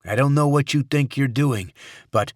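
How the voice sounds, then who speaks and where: A man's voice: medium pitch, expressive, normal speed, a bit bright, no echo, voice pushed up, natural voice. A desperate male senator held hostage, as a male narrator voices him, speaking in a raised, strained voice. He argues back defiantly and pleads, recorded dry and close.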